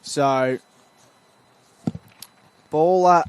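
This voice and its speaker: Local footy caller, Australian man, slightly high-pitched, easygoing and chatty. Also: very slow, clean tone. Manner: chatty, lifts when play heats up. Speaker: play-by-play commentator. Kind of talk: amateur football commentary. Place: at a suburban football ground.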